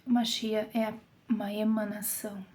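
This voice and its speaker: A woman with a Brazilian Portuguese accent leading a Bible study, reading scripture aloud and explaining it, sometimes dropping to a soft whisper for emphasis. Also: mid-range voice, level tone, moderate pace. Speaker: Bible teacher.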